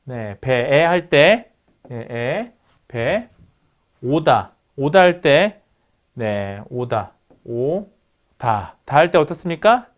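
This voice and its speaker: Male lecturer, slightly high, lively delivery, asks the class questions and answers them. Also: slow pace. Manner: instructive, poses questions to students then answers them. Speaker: university lecturer. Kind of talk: online phonetics lecture.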